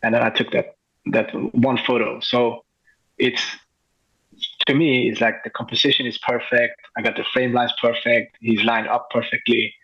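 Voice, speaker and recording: A man, a street photographer chatting as an interview guest, enthusiastic and halting with frequent restarts. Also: medium pitch, little pitch movement, pushed and bright, breathy edge, muffled recording. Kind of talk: casual interview chat.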